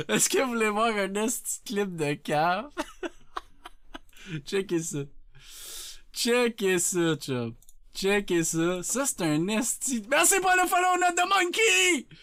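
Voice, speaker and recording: A man from Quebec with a Québécois French accent, chatting loudly and jokingly with viewers on a live stream, laughing often. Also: sits high, no echo. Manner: loud, jokey, laughs often. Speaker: Twitch streamer. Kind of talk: casual live-stream chat. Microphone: sensitive desk mic.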